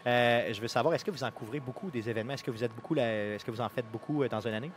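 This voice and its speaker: A man's voice: medium pitch, very fast, heavy background noise. A man with a Québécois accent hosting a casual live podcast interview at a convention, chatty and friendly. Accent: Québécois French. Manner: relaxed, friendly, chatty with fillers. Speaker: podcast host. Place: busy convention floor.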